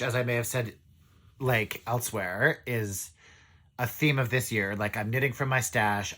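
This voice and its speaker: A man's voice: medium pitch, bright, forceful tone. A man vlogging casually to camera, chatty and rambling, with frequent fillers and small laughs. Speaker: knitting vlogger. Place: indoors, away from home.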